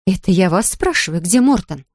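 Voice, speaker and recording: A woman's voice: low-pitched, fairly even intonation, fast talker, gravelly, a little mellow, dry recording, clean studio sound. A woman voicing a firm, commanding mother of a large family in a children's storybook reading. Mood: stern. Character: stern mother of a big family.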